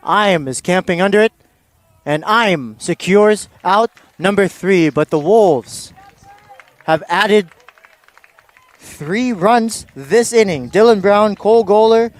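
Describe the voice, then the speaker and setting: A man calling baseball play-by-play, excitable on big plays and dry in his asides. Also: sits high, slow pace, dry recording. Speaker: play-by-play announcer.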